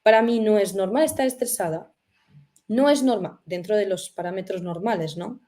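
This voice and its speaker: Woman, host, warm mellow voice, reflective, rhetorical questions. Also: medium pitch, normal speed. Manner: reflective, uses many fillers and rhetorical questions. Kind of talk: conversational interview.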